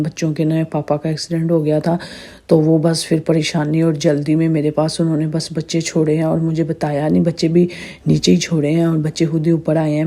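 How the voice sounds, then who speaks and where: A woman in her thirties with a sore, slightly hoarse throat, chatting through a casual vlog voice-over. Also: low voice, dark tone. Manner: chatty, rambling storytelling. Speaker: vlogger narrating her day.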